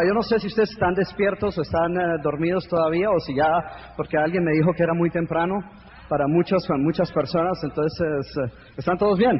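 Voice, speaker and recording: A man giving an energetic motivational seminar to a live audience, joking and firing rhetorical questions at the crowd. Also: fairly high pitch. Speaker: motivational speaker. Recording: echoey hall, dull lo-fi sound, faint noise.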